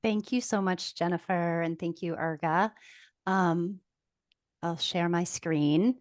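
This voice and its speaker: Low-pitched woman presenting, dry close sound. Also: slow pace, no echo. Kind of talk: slide presentation to an online audience. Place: online video call.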